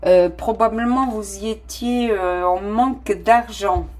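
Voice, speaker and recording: Slow-talking woman reading tarot cards. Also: medium pitch, darkish tone. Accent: non-native French accent. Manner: hesitant, many fillers, exclaims at cards. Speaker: tarot reader. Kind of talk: casual tarot card reading.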